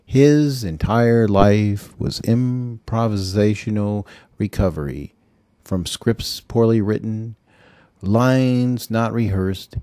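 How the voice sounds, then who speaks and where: A man narrating a novel chapter in a deadpan, dry delivery. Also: on the low side, slow pace, dry recording. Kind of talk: scripted audiobook narration.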